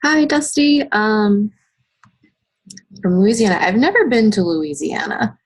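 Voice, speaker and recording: A woman's voice: mid-range voice, very animated, measured pace, husky, poor audio. A woman hosting an online webinar, chatting casually with attendees as they join and greeting them by name. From United States. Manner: friendly, chatty, reads out chat names. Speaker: webinar host. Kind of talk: casual chat before a webinar.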